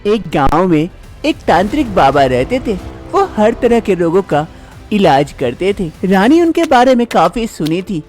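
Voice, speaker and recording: Woman narrating an animated drama. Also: medium pitch, a little slow, faint music behind. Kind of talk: storytelling narration.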